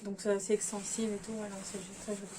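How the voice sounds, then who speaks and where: A woman's voice: mid-range voice, little pitch movement, fast talker, noisy background. A woman casually talking through fabrics in a sewing vlog, hesitating and thinking aloud with many fillers while addressing her viewers. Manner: chatty, addresses viewers directly. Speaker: sewing vlogger.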